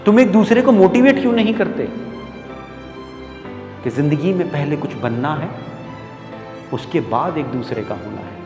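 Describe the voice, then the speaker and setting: A stern, caring schoolteacher, played by a man on stage, lectures his class in a preachy theatre monologue with an Indian accent. His voice sits a little high and rings through a long echoing hall. Faint music plays underneath. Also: animated, a little slow, long pauses. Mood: earnest. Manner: scolding, preachy, rising to loud outbursts. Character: stern, caring male schoolteacher scolding students. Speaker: stage actor playing a teacher. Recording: echoey hall with music behind.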